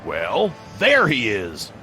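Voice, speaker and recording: A man playing a daffy, excitable private investigator in a video game. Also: medium pitch, slow, exaggerated voice. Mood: cheery, oblivious. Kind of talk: video game character acting. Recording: music behind the voice.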